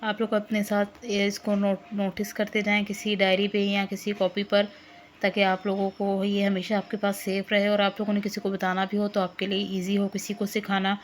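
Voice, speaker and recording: A woman, giving a patient online Quran lesson and repeating each letter slowly. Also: medium pitch, slight background noise. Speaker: Quran teacher.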